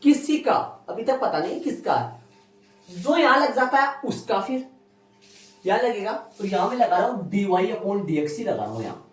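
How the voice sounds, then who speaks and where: A man's voice: sits high, sing-song, moderate pace, recorded from a distance. A male maths teacher giving a classroom lecture, repeating key phrases and quizzing his students. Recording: roomy, from afar, faint music.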